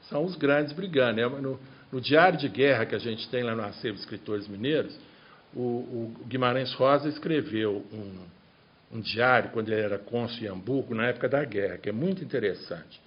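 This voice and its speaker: A man's voice: mid-range voice, moderate pace, breathy edge, highs cut off. A man, a literature professor, talking through a topic on a panel and thinking aloud, with many asides. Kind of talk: panel discussion.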